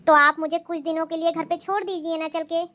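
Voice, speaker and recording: A polite young daughter-in-law from a cartoon, pleading softly with her family, as a woman voices her. Her voice sits very high and sounds bright and crisp. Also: little pitch movement, brisk. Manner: polite, pleading, soft-spoken. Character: young Indian wife, pleading and dutiful. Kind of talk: cartoon voice acting.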